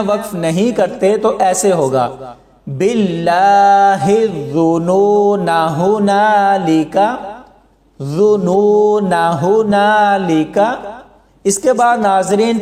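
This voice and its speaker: A man teaching Quran reading in a slow explanatory lesson, with a Pakistani Urdu accent, drawing out the words he recites. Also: sits high, darkish tone. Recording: echoey room with long reverb.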